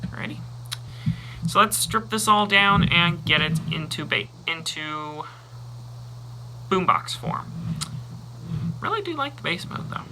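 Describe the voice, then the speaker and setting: A man talking casually through a toy review, describing each step as he handles the toy and pausing or muttering now and then. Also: high voice, animated, pushed and bright, a little hiss or hum, poor audio.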